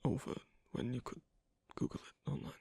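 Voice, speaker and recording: In a soft ASMR roleplay, a performer plays a shy, socially awkward werewolf on a first date, speaking in a breathy, husky voice with halting, hesitant, terse delivery. The mood is apologetic and flustered, the acting light, and there's no echo.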